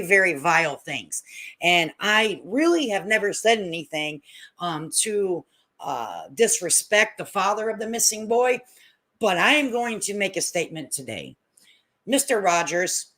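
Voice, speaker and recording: A woman with a fairly low, pushed and bright voice hosts a casual livestream, talking to her chat. She's blunt and opinionated, speaks in folksy slang, and repeats points for emphasis.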